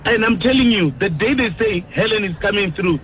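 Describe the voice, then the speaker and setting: A man's voice: sits high, animated, brisk. A man calling in to a radio show to give his opinion, insistent and repeating himself, laughing easily. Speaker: radio caller. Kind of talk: phone-in opinion. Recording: tinny phone line with faint noise.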